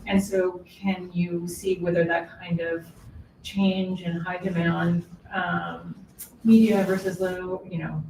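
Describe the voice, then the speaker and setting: A woman asks a thoughtful question from the audience, correcting herself along the way. Her voice is low and mellow. She sounds far from the mic in an echoey room with faint background noise. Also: little pitch movement, takes it slowly. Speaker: audience member asking a question. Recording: distant roomy audience mic.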